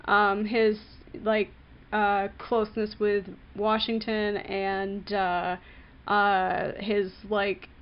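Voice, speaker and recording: A woman's voice: medium pitch, flat delivery, drawn-out words, smooth, dull audio. A woman co-hosting a casual podcast chat, hesitant with many fillers and breaking into giggles. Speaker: podcast co-host.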